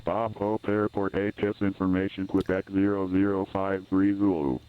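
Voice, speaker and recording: Deep man on an airport weather broadcast. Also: little pitch movement, moderate pace, smooth. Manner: clipped, evenly paced reading of numbers. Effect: airport weather broadcast over radio. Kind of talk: recorded weather and runway report read in a loop. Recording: tinny narrow-band radio audio.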